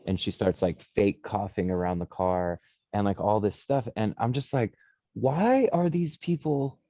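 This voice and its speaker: A man co-hosting a podcast, telling stories in a casual, animated way with lots of fillers and swearing. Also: deep voice, moderate pace, no echo, lo-fi sound. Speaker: podcast co-host. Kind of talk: casual chat.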